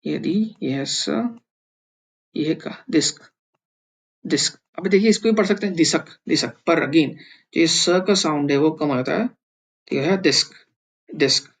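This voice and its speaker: Slow, patient male language teacher. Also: on the high side, lo-fi sound. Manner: slow, patient, sounds out each syllable. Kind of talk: explaining and spelling out syllables slowly.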